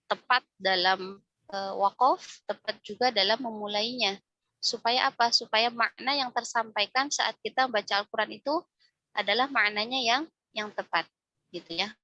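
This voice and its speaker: A woman's voice: a little high, pushed and bright, no room sound, muffled recording. A woman teaching a religious class on Quran recitation, explaining step by step and often ending phrases with a questioning "ya". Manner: explains step by step, frequent tag "ya", demonstrates recitation aloud.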